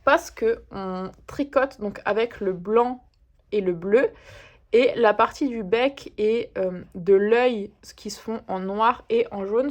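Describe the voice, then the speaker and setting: A young woman chatting casually in a show-and-tell vlog, self-deprecating and full of little fillers. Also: on the high side. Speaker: knitting vlogger.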